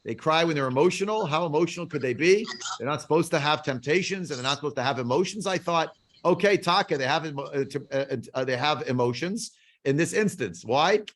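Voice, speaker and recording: A man's voice: on the high side, animated, fairly quick, a bit bright. A man teaching a Bible class over a video call, digressive, full of fillers and rhetorical questions. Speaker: Torah teacher.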